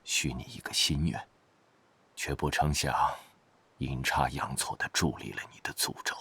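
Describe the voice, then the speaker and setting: A man playing a solemn, weary old spirit with a raspy, breathy bass, sighing and speaking in archaic phrases in an audio drama. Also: fairly even intonation, sharp tone, exaggerated voice. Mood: solemn, grave. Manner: slow, sighing, archaic wording.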